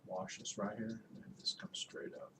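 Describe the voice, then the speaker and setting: A man teaching a drawing lesson, relaxed and instructive, talking as he works and pointing out each line. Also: on the low side, normal speed, noisy background. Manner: relaxed, instructive, talks while working with frequent pointing words. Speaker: art instructor. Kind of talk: drawing tutorial walkthrough.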